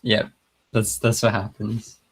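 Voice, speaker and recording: A man makes up a fight scene on the spot, hesitant and pausing on fillers. His delivery is slow and his pitch barely moves. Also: monotone, husky. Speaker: player. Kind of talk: casual improvised fight narration.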